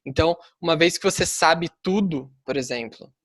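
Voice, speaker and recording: A Brazilian man with a fairly high voice talks in a quick, chatty way, full of casual fillers. His voice sounds dry and close, with no room echo. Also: a bit bright. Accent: Brazilian Portuguese. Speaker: guest, language teacher. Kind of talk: casual debate.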